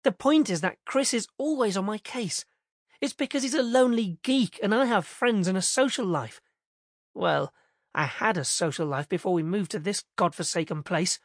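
A man reading an audiobook, voicing a sharp-tongued, sulky teenage girl who sounds scornful and whiny. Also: high-pitched, lively intonation, normal speed, dry recording, studio quality, pitched above the performer's own voice. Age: teen. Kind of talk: audiobook character voice.

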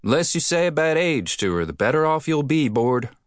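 A man's voice: on the high side, sing-song, normal speed, no room sound, voice pushed up. Brief: a friendly, teasing Western townsman, played by a male reader, dry close sound. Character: friendly sandy-haired frontier townsman.

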